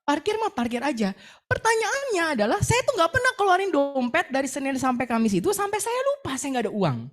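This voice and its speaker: A woman's voice: sits high, big pitch swings, brisk. A young adult woman gives a sermon testimony, telling her story vividly and acting out her own words and prayers. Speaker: preacher sharing a testimony.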